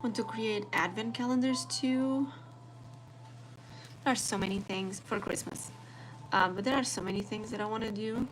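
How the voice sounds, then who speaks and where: A woman's voice: mid-range voice, moderate pace, pauses often, background noise. Young Portuguese woman chatting while journaling. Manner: chatty, relaxed, talks to viewers while drawing. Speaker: planner artist and vlogger. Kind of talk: casual live-stream chat while journaling.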